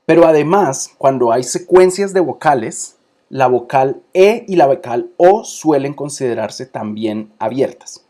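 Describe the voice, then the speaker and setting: A man's voice: mid-range voice, lively intonation, measured pace, dark tone. A man teaching a lesson on screen, talking informally and often checking that his listeners follow. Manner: many fillers and restarts, checks in with listeners. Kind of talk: explaining lesson to camera.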